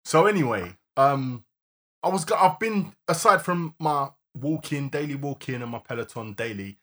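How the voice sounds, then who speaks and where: A man's voice: on the high side, lively intonation, normal speed, a bit bright. A man with a London accent chatting casually as a podcast co-host, slangy and rambling, often searching for words. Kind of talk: casual chat.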